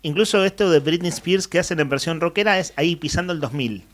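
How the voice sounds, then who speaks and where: A man's voice: fairly high pitch, fast. An Argentine man hosting a radio interview, asking long questions with many fillers. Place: radio studio.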